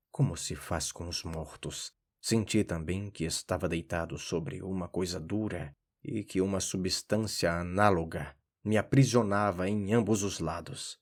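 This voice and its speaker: A man reads a classic horror story aloud in the steady style of a polished audiobook. His voice sits very low and deep. He delivers it with dramatic weight and a measured pace. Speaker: audiobook narrator. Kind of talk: scripted literary narration.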